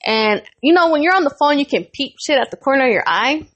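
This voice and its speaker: A young adult woman co-hosting a podcast, telling a story in casual chat, animated and profane and laughing often. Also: high-pitched, fast, highs cut off. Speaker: podcast co-host.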